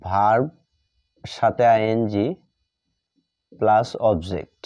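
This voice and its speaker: A teacher with a Bengali accent gives a classroom grammar lesson, writing out examples as he explains, repeating phrases and spelling words aloud. His voice is on the low side, mellow and fairly even, and he speaks slowly. The lo-fi recording sounds dull but has no room sound.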